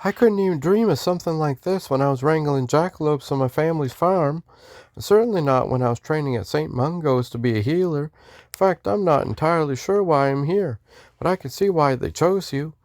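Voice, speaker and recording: A man voicing a cheery, sweet young woman from Texas in a high falsetto with a put-on Western drawl, reading game lines. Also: brisk, a little mellow, dry recording, clean studio sound, natural voice. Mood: earnest. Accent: Texan Western drawl, put on. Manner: high falsetto, folksy and chirpy.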